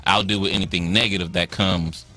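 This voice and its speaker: A man's voice: low-pitched, flat delivery, a little fast, bright, forceful tone, faint music behind. A man hosting a call-in talk show, taking callers and sharing his views. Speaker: host.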